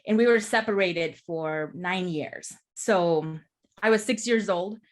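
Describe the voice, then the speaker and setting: Slow-paced and low-pitched, a Salvadoran therapist talks as a podcast guest in a casual conversation, offering reflective explanations and regularly checking in with "right?".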